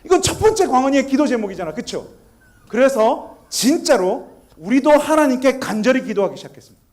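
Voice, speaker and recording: High-voiced man preaching a story-filled sermon. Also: big pitch swings, brisk, a little mellow. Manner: storytelling, acting out family dialogue; asks the congregation questions. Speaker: pastor.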